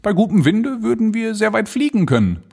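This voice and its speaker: A man voicing an excitable male balloonist, speaking in high, ecstatic exclamations. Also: a little fast, gravelly, husky, heavily acted.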